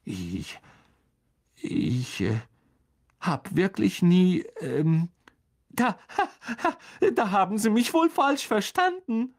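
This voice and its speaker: A reader voicing a vain, flustered male teacher with a high, stammering voice. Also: extremely slow, darkish tone.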